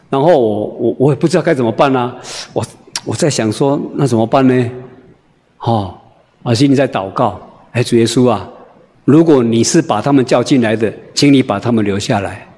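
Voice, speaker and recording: A male preacher, telling a humorous story in a sermon in an animated, conversational way, full of "ah" and "oh" fillers. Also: mid-range voice, moderate pace, husky, in a large hall.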